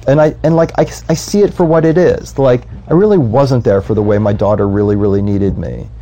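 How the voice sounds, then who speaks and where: A man's voice: medium pitch, steady tone, brisk, warm tone. A man speaking as a rabbi in a reflective conversation, earnest, slipping into quoted voices as he tells stories.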